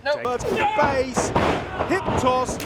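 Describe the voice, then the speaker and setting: A man giving excited, emphatic play-by-play as a wrestling commentator, with dramatic repetition. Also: extremely high pitch, slow pace. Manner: emphatic, dramatic, repeats phrases for effect. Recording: loud crowd noise behind. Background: loud wrestling crowd.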